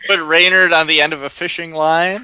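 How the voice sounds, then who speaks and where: A man narrating a tabletop game as game master, unhurried and full of ums and uhs. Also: on the high side, little pitch movement, background noise.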